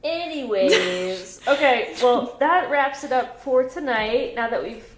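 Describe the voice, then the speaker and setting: A woman co-hosting a casual podcast, teasing her co-host and quickly running through plugs. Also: high-pitched, a little hiss or hum. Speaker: podcast co-host, dog trainer and business owner. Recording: roomy, echoey room.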